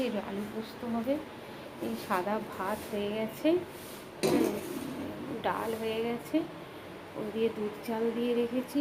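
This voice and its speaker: A tired woman chats slowly and softly while she cooks in her home kitchen. Her voice sits a little high. Loud noise runs under the whole recording. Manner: speaks slowly and quietly. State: tired and unwell. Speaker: vlogger. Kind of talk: casual cooking vlog talk.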